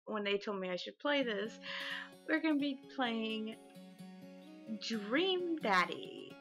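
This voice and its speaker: An excitable woman commenting on a video game, gasping and giggling as she goes. Her voice sits high and leaps up and down, and she talks slowly. Game music plays clearly behind her. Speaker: gaming channel host. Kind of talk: let's play commentary.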